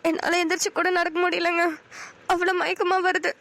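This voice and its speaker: A woman voicing a gentle, anxious young bride in a cartoon, speaking softly and pleadingly. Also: very high voice, level tone, brisk, creaky, no room sound, exaggerated voice. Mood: worried. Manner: soft, worried, pleading. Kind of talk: cartoon voice acting.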